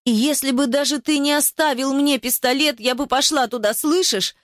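A fiery young woman, as a woman reader plays her, voice pitched high and sharp as she hurls demanding questions. The sound is close and dry. This is an audiobook character voice. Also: normal speed, dry recording, close to an everyday voice. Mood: defiant.

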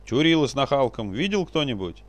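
A man playing a hot-tempered old-world nobleman in a storybook, who barks commands in a raised, lifted voice. The lines swing with lively intonation. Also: medium pitch, fairly quick, voice pushed up, lightly acted. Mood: suspicious. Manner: barking orders, imperious. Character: angry stern male boyar, commanding.

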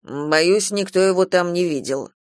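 A man's voice: high-pitched, a little slow, clear, resonant tone, no echo, studio quality. A man playing a steadfast, devoted farm manager who speaks earnestly and bluntly in a radio play. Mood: earnest pleading.

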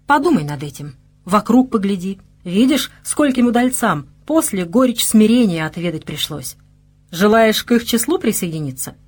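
An old male bear, a Cossack chieftain, lectures in a stern and weighty way, as a woman narrator puts him on. He sounds sure of his wisdom and keeps his speech measured. The audiobook reading stays clear and plain. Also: mid-range voice, animated, a little mellow, pitched above the performer's own voice. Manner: instructive, grave.

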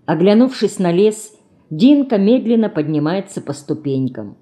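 A woman's voice: medium pitch, big pitch swings, moderate pace, dark tone. A woman reading an audiobook as scripted narration, telling it expressively and with emotion. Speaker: audiobook reader.

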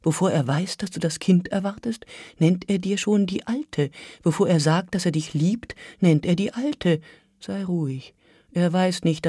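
A reader performing a literary story for radio in a measured, dramatic way that often sinks to a hush. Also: mid-range voice, dry recording, clean studio sound. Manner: measured, dramatic, drops to hushed whispers. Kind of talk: scripted literary reading.

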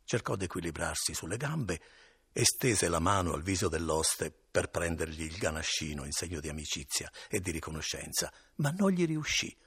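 A man reading a classic novel aloud with expressive, theatrical phrasing. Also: very deep voice, moderate pace, breathy edge, no echo, clean studio sound. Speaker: audiobook reader. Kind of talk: expressive literary narration.

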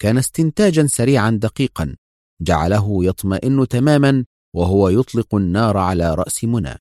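A man narrating an adventure novel in a measured, storytelling manner. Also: on the low side, lively intonation, a little mellow, dry recording, studio quality. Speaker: audiobook narrator.

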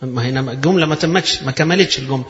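A man's voice: mid-range voice, racing, fairly bright tone. A man with an Egyptian accent giving a religious lecture, reading a passage and then explaining it in colloquial speech, repeating phrases to show their pronunciation. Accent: Egyptian Arabic. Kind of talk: lecture explaining a read-out text. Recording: echoey hall, dull lo-fi sound.

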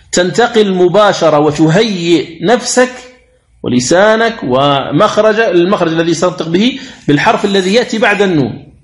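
A man teaching the rules of Quran recitation, explaining slowly and drawing out his recited examples. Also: high-pitched, reverberant. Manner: slow, deliberate explanation with drawn-out recited examples. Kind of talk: tajwid lesson commentary.

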